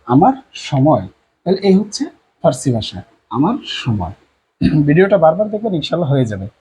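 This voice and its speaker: A man teaching a language lesson at a board, repeating each word slowly and often, with many drawn-out fillers and a Bangladeshi Bengali accent. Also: a little high, big pitch swings, mellow, a little hiss or hum, rough recording.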